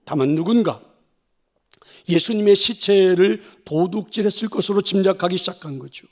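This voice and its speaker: A male pastor retelling a scripture story in a sermon, dramatic and often dropping to a hush. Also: sits high, normal speed. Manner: dramatic, dropping to hushed whispers.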